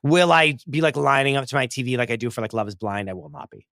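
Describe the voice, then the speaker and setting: A man's voice: mid-range voice, quick pace, vocal fry, a bit bright, no echo, studio quality. A man co-hosting a pop culture podcast, gushing and emphatic, with a lot of "like". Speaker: podcast co-host. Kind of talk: casual pop culture chat.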